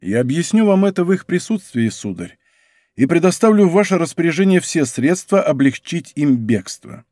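A man voicing a powerful minister in a historical audiobook, speaking slowly and with deep emotion. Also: sing-song, dark tone, no room sound, clean studio sound. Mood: commanding. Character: powerful male minister, passionate and anxious.

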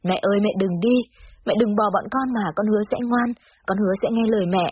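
A woman's voice: medium pitch, quick pace, slight background noise, natural voice. A woman voicing a distraught girl of nine or ten who pleads through sobs, in a slightly dull lo-fi recording. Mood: pleading. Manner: sobbing, pleading.

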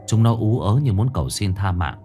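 A man with a low voice narrates a dark crime story in a grave, dramatic tone. His pitch rises and falls widely, and faint music hums underneath. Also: animated, a little fast.

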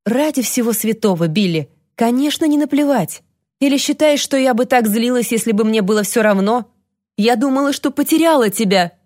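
Cast a woman doing a panicked young woman, shrill and raised, close dry mic, audiobook read. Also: animated, moderate pace, no echo. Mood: anguished. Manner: shouting, near-hysterical, then tearful. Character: frightened, furious young woman, lifeguard-like leader of kids. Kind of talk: audiobook reading.

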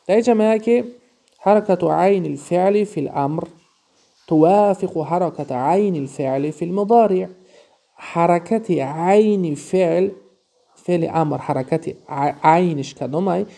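A man with a Tajik accent teaching Arabic grammar from a textbook, explaining step by step, asking and answering his own questions and repeating example words slowly. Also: on the high side, creaky, warm tone.

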